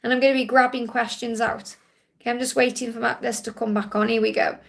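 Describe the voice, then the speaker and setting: This Stoke woman's voice is a little high and gravelly, with little pitch movement, and she talks fast. Speaking in her Stoke accent, she hosts a live Q&A as a psychic card reader, reassuring viewers during spiritual readings and repeatedly adding "okay?".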